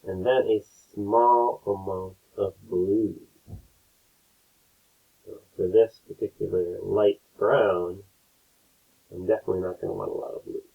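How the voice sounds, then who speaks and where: A man teaching a painting lesson step by step, his audio a low-quality, tinny stream as he keeps checking in with his students. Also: unhurried, creaky, long pauses, slightly rough. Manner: relaxed, explains step by step, keeps checking in with "right?". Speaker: art teacher. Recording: tinny lo-fi phone-like sound.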